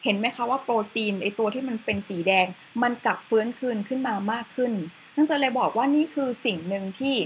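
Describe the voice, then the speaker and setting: A woman's voice: on the high side, fast talker, few pauses, slight background noise, rough recording. A woman presenting a facial cleanser in a chatty, casual way with slides, adding polite particles to most phrases.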